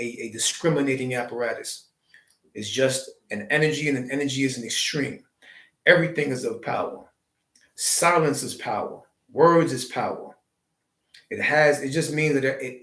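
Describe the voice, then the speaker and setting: A man's voice: mid-range voice, a bit bright. A man hosting a live stream, giving a preachy spiritual monologue full of wordplay and rhetorical questions. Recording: roomy echo.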